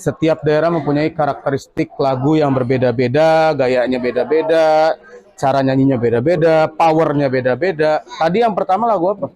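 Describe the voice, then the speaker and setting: A male school teacher in a classroom, quizzing his students with quick questions and then explaining the answers. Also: a little high, a little mellow, highs cut off.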